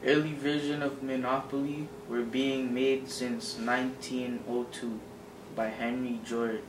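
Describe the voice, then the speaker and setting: A man's voice: medium pitch, level tone, measured pace. Teenage boy newsreel co-host, echoey and noisy. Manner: reading from a script. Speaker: news co-host in a student skit. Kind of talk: scripted mock 1930s newsreel reporting. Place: room with a table, indoors. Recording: echoey, noisy room from a distance.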